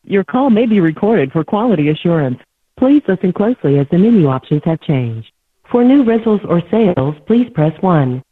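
High-voiced man on a recorded phone menu. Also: moderate pace, slightly rough, dry recording. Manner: even, formal announcer delivery. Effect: recorded automated phone menu message. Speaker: automated phone system voice. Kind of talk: scripted phone menu prompts. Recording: tinny phone line, dry.

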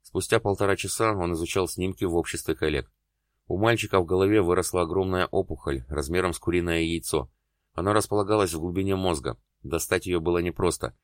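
A man narrating a dramatic novel as an audiobook, in steady storytelling. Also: low-pitched, fast talker, no room sound, clean studio sound. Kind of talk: scripted narration.

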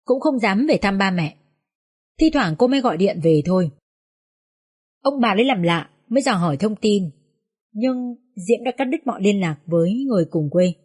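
A woman narrating a social drama story as an audiobook reader in a steady storytelling manner. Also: mid-range voice, normal speed, breathy edge, no room sound, clean studio sound.

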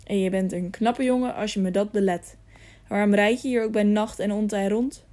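A gruff, commanding robber chief from a storybook, barking orders in a warm, mellow voice, as a woman reads him aloud. He sounds stern and harsh, used to being obeyed. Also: mid-range voice, steady tone, normal speed, natural voice. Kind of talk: audiobook reading.

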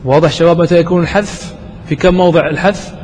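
A man with a somewhat high voice leads a grammar lesson, quizzing his students and going back over each example slowly and deliberately. His voice carries a long hall reverb, with faint background noise underneath. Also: steady tone, a little mellow. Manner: asks questions, repeats examples slowly. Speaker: teacher.

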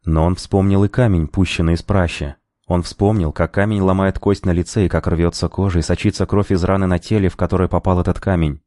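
A man reading a fantasy story aloud in a measured, even narration. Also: low-pitched, no echo, studio quality. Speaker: audiobook narrator.

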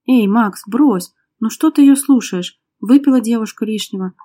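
A woman voicing a young man trying to calm his friend down in an audiobook. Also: fairly high pitch, normal speed, natural voice. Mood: placating. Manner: placating, then exasperated.

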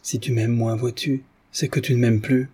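A man's voice: medium pitch, little pitch movement, moderate pace, warm tone, breathy edge. A man reading aloud and voicing a coquettish, anxious young wife who pleads tenderly with her husband. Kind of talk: audiobook reading.

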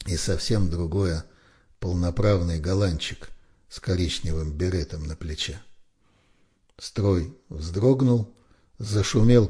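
A man narrates a novel in a steady, measured storytelling voice. His voice is very low and dark, with a husky grain. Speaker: audiobook narrator. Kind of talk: scripted narration.

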